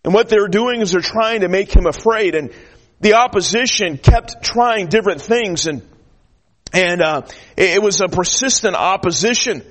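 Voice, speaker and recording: A man with a high-pitched voice delivers a sermon. He talks earnestly, restarts phrases often, and rises into emphatic declarations about prayer and battle. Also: expressive, moderate pace, a bit bright. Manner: shy by nature. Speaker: traveling preacher.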